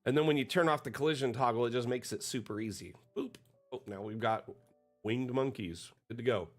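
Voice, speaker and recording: A man hosting a livestream as community manager, chatting casually and rambling with many fillers, often trailing off quietly at the ends of phrases. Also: mid-range voice, fairly quick, soft background music.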